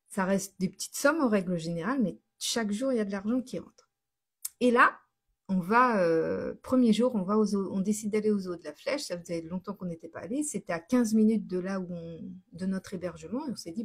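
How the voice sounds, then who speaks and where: A woman's voice: mid-range voice, husky. A woman hosting her own live stream in a casual, chatty way, answering viewers as she goes, laughing often and often restarting her sentences. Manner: restarts and self-corrects often. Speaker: host of a daily live stream.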